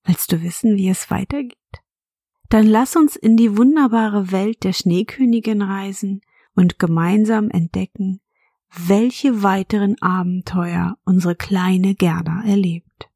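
A woman hosting a fairy-tale podcast, telling a bedtime story in a soft, gentle whisper, speaking to a child. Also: medium pitch, measured pace, no echo, clean studio sound.

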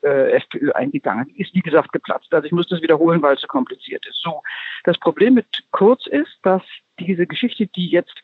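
A woman's voice: deep voice, dry recording, phone-quality sound. A woman correspondent speaking by mobile phone from a train, explaining things with hesitant fillers over a poor-quality line. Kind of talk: news phone interview.

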